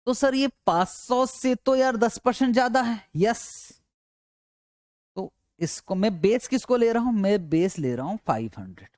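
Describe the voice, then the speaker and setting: A man's voice: high-pitched, lively intonation, a little slow, darkish tone, dry recording. A male teacher lectures in a dry, close sound, walking through each step and coaxing his listeners along. He keeps repeating points and answers the questions he puts to the class himself. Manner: repetitive, coaxing.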